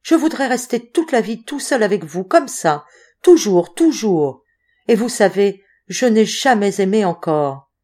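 Lectrice jouant un jeune marin fiévreux et ivre, amoureux, suppliant, voix chaude. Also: female voice, medium pitch, expressive, slow pace, mellow, voice pushed up. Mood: pleading. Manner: breathless, pleading, effusive. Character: feverish drunk lovestruck young male sailor.

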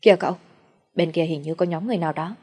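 A woman's voice: on the low side, rapid-fire, darkish tone, slightly rough. A woman voicing a curious, worried young manservant who keeps asking questions. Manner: inquisitive, prying.

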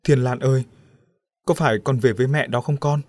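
A man's voice: medium pitch, steady tone, brisk, a little mellow, dry recording, clean studio sound, close to an everyday voice. A man voicing a grieving middle-aged mother who cries out tearfully in a storybook reading. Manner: wailing, tearful.

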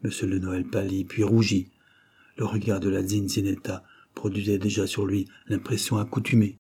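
A man reading a novel aloud in scripted narration, measured and even. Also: fairly low pitch, husky. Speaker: audiobook reader.

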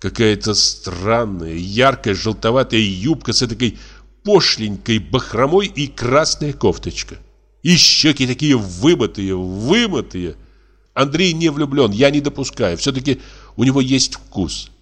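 A man reading a play aloud, voicing a sharp-tongued young woman who gossips with drawling scorn. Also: medium pitch, expressive, a little slow. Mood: scornful.

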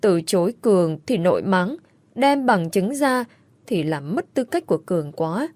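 A woman's voice: medium pitch, sing-song, moderate pace, a little mellow, no room sound, lightly acted. A woman voicing a young female student who speaks earnestly and worries easily. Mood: shy.

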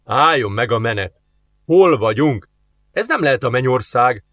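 A man's voice: medium pitch, expressive, a bit bright, no room sound, studio quality, close to an everyday voice. A man voicing a sardonic, cocky male demon in human guise, talking in a mocking, sarcastic way for an audiobook. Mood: irritated.

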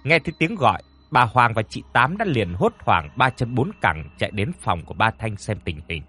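A man narrating a ghost story with an expressive, dramatic reading. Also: fairly low pitch, moderate pace, husky, soft background music.

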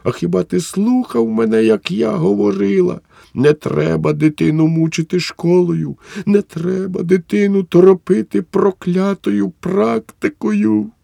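A man reading aloud and voicing a furious, grieving mother who shrieks curses in a high, loud voice. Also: dry recording, studio quality. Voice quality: shrill, shrieking.

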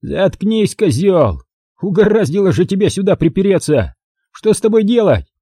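A man's voice: high voice, big pitch swings, moderate pace, mellow, husky, no echo, clean studio sound, pitched above the performer's own voice, heavily acted. A man voicing a coarse young male thug who barks sneering, menacing commands. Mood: threatening.

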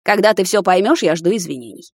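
A woman's voice: lowish voice, expressive, fast, no echo, studio quality. A woman voicing an exasperated young prince. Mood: pleading. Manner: raised, appeasing. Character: young male prince, easygoing, pleading friend.

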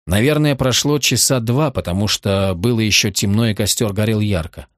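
A man narrating an audiobook in a steady, measured reading. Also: lowish voice, no room sound, clean studio sound.

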